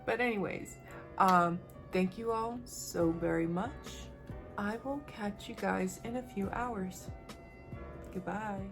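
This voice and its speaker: A woman at home talks through a makeup review in a chatty, upbeat way, speaking straight to her viewers. She takes her time over each thought, drawling slowly. Faint music plays softly behind her. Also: mid-range voice. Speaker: beauty vlogger. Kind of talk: casual makeup review to camera.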